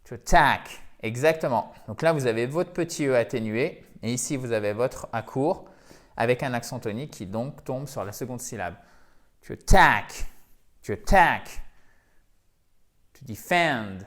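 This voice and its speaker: Male teacher, French native, middle pitch, lively and coaxing, repeats each word slowly. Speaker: English teacher. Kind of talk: pronunciation lesson.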